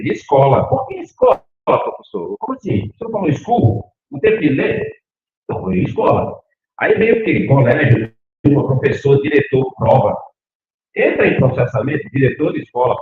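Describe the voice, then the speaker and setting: A middle-aged man from Northeast Brazil with a Northeastern accent, giving a university lecture and often asking the audience questions. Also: a little high. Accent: Northeastern Brazilian Portuguese. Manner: animated, asks the audience questions. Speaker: university professor. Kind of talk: lively academic lecture. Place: lecture hall. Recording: echoey hall, tinny phone-like sound.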